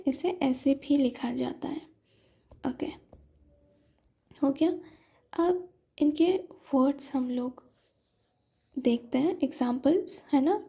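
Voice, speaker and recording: Woman, phonetics teacher, high but very dark voice, unhurried lesson delivery, slows down to sound out words. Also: creaky, slightly rough. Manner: explains step by step, slows right down to sound out example words; checks in often with "ठीक है" and "okay". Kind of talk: classroom lesson, mixing Hindi and English.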